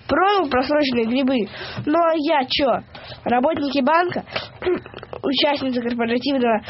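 A woman reading comic short stories aloud on a radio show, with lively expression. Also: sits high, highs cut off, background noise. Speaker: story reader on a radio show. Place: radio studio.

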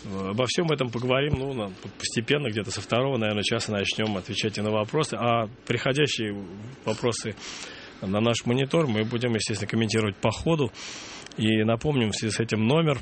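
A man hosting a live radio show in casual, halting speech, his voice hoarse from a cold. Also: medium pitch, slight background noise. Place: radio studio.

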